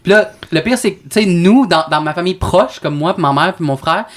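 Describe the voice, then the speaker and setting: A man with a Quebec French accent, co-hosting a podcast, telling a story in a chatty, animated way. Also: high voice, fairly quick. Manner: animated, chatty, full of restarts. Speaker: podcast co-host. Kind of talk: casual chat, storytelling.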